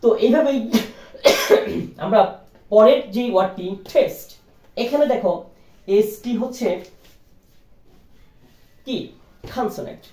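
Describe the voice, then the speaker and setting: In a very high, darkish voice, a man gives an animated but slow spoken English lesson with long pauses, spelling words letter by letter and frequently adding "right?". He mixes Bengali into his English and coughs occasionally, heard off-mic in a roomy space.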